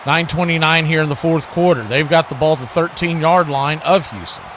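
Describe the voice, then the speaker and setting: Clipped announcer phrases carry this American radio broadcaster's live football commentary and station promos. He speaks a little fast in a fairly high voice, with background noise behind him.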